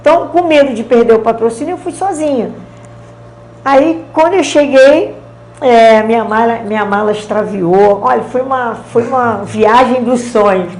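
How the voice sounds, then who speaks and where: A woman with a Brazilian Portuguese accent, a karate champion telling stories in a casual interview, acting out the dialogue in slangy, lively speech. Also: fairly high pitch, moderate pace, echoey room.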